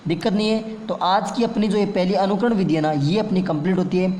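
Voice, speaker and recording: A man's voice: high-pitched, fairly quick, a little mellow, slight background noise. A man teaching a classroom lesson, asking questions and answering them himself, heard in an echoey room a long reverb. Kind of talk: classroom lecture.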